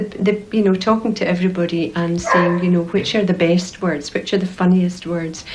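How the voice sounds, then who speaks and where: Woman getting interviewed, lowish flat voice, noisy clicky background. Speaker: interviewee from a design firm. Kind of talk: unscripted interview talk.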